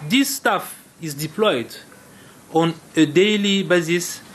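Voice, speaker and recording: A man with a Cameroonian accent delivering a formal, halting prepared statement as a government health official. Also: high voice, a bit bright, slight background noise.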